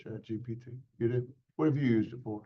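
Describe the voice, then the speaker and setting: A man's voice: medium pitch, fairly quick, highs cut off, a little hiss or hum. A man teaching a real estate licensing class in a casual webinar, chatting and joking with his students in a folksy way.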